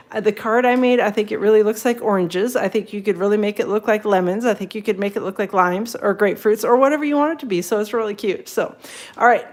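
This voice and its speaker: Slightly stuffed up from a cold, this papercraft livestreamer wanders off on tangents between her tips during a relaxed demo. Her mid-pitched voice is chatty, she welcomes viewers by name, and laughter comes readily.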